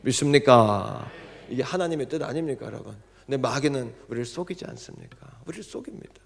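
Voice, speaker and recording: Fervent gravelly Korean preacher man. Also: mid-range voice, lively intonation, fast. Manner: impassioned preaching, shouts to the congregation; acts out quoted voices for the crowd. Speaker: guest pastor. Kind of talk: sermon at a Friday prayer meeting. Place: church sanctuary. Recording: long church hall reverb.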